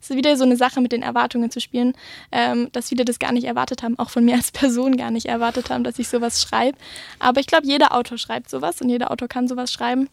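A woman's voice: on the high side, level tone, fast talker, creaky, dry recording. A woman author answering interview questions about her novel, hesitant and full of filler words. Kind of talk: interview answers and reading aloud.

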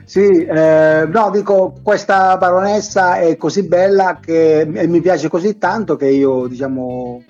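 A man heard through an online call line, the sound dull and lo-fi. His voice sits a bit high for a man. He talks hesitantly as a guest, with many fillers and restarts. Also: a little slow, hardly any pauses, darkish tone, faint music behind. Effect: heard over an online call line, dull and lo-fi. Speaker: guest songwriter. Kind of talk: casual interview over a call. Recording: muffled lo-fi call audio.

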